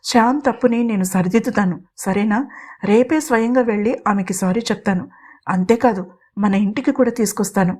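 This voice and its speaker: A woman voicing a gentle, caring middle-aged husband who soothes and coaxes his wife in an audio drama. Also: mid-range voice, moderate pace, natural voice. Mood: soothing. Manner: soothing, coaxing, gently firm.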